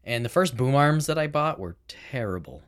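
A man co-hosts and produces a casual podcast recorded at home in a house on a boom-arm microphone. His mid-range voice is very animated and smooth at a moderate pace, and he rambles chattily, correcting himself as he explains things.

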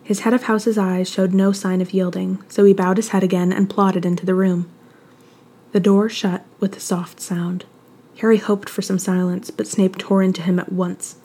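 A woman narrating a fan fiction story aloud in an even, steady way. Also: medium pitch, moderate pace, breathy edge.

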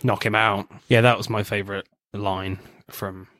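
Relaxed low-voiced man chatting about films. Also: normal speed, no echo. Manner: relaxed, laughs often, many fillers. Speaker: film review podcast co-host. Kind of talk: casual chat.

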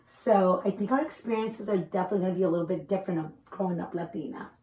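A woman's voice: lowish voice, fast, warm tone, a little hiss or hum. A woman from El Salvador hosting a podcast, talking candidly and conversationally and slipping in Spanish phrases. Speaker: host. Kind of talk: casual podcast chat. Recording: echoey room.

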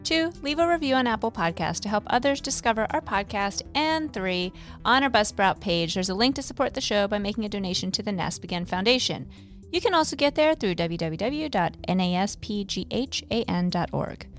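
A woman's voice: medium pitch, animated, brisk, faint music behind. A woman hosting a podcast, upbeat and giggly as she wraps up the episode. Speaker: podcast host. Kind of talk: podcast outro.

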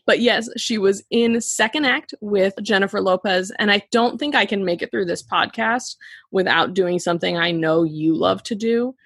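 A woman's voice: medium pitch, moderate pace, a bit bright, husky, no echo, studio quality. A woman hosting a casual podcast, chatting and laughing her way through a book rundown with lots of fillers. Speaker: podcast host presenting a book.

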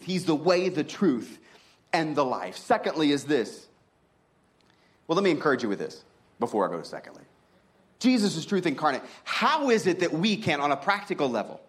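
A young adult man preaching a sermon as pastor, emphatic and full of rhetorical questions, his pitch rising and dropping widely.

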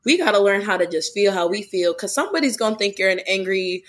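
A woman's voice: mid-range voice, lively intonation, fast talker, a bit bright. A young adult woman hosting a podcast, talking in an earnest, casual way full of "like" fillers. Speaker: podcast host. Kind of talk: casual chat.

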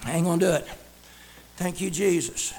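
A male preacher, delivering a sermon in a shouting, chanting cadence. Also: sits high, normal speed, creaky, slightly rough.

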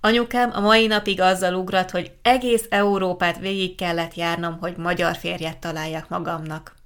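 A woman hosting a language-learning podcast, chatting casually and reading a listener's letter aloud in a calm, clear, measured way. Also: lowish voice. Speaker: podcast host for Hungarian learners.

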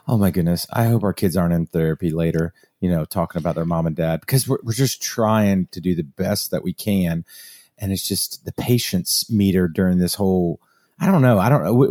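A man co-hosting a podcast in casual chat, speaking reflectively and haltingly, with frequent restarts. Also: sits low, dark tone, no room sound, studio quality. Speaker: podcast co-host.

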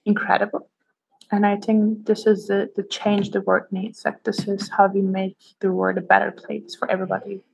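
Gravelly, husky woman sharing candidly. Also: medium pitch, rough recording. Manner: warm, candid, laughs easily. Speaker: podcast guest sharing her experience. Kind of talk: casual reflective chat.

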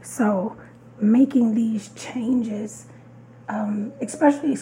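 A woman co-hosting a podcast in casual chat, her voice hoarse and husky from a sore throat, candid and playful with frequent laughs. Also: a little high, fairly even intonation, slow pace, dark tone, a little hiss or hum. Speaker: podcast co-host.

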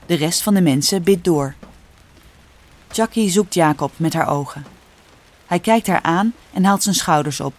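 A woman with a Dutch accent reading a children's story aloud in a calm, clear storytelling manner. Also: lowish voice. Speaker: narrator. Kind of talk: scripted storybook narration.

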